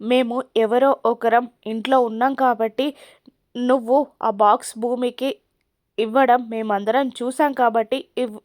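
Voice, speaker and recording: An enraged father from a soap story, hammering out one accusing question after another, as a woman narrator reads his lines. The voice sits on the high side, and the recording is dry and close. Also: darkish tone, dry recording, lightly acted. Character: furious accusing father, middle-aged man.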